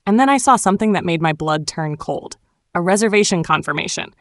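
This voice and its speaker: Low-voiced woman telling a wry betrayal story. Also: lively intonation, a little fast, no room sound, clean studio sound. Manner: cool, wry and sharp-tongued. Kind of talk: first-person dramatic storytime narration.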